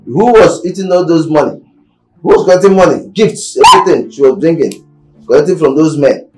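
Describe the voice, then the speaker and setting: A man's voice: fairly high pitch, lively intonation, fairly quick, over music, natural voice, low-quality recording. An actor with a Nigerian accent playing an angry father who scolds his wife, ranting and mocking, stumbling over repeated words. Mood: scolding.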